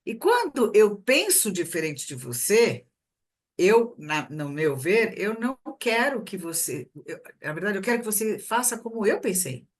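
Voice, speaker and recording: Reflective middle-aged woman explaining calmly. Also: mid-range voice, a little slow. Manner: reflective, explains with everyday examples. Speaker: guest expert on workplace communication. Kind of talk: conversational interview.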